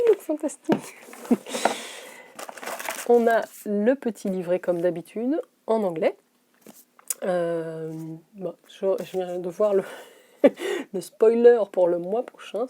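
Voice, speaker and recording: A woman chatting casually as she unboxes beauty products, laughing to herself and reading labels slowly. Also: medium pitch, warm tone. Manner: slows to read labels, drops to a whisper on names. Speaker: beauty vlogger.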